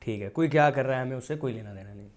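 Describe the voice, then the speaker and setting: A man's voice: medium pitch, rapid-fire. Male podcast host, agreeable and probing. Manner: asks questions, sums up and agrees with the guest. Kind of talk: casual interview chat.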